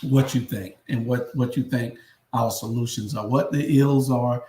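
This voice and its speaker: A man's voice: mid-range voice, steady tone, measured pace, mellow. Echoey man moderating a discussion. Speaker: host and moderator. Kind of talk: casual panel moderation. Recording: roomy echo.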